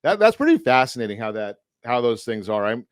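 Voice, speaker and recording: Halting, self-deprecating male radio host. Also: mid-range voice, very animated, no room sound, clean studio sound. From Southern California. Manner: self-deprecating, halting, full of repeated words. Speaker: radio talk show host. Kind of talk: casual radio talk.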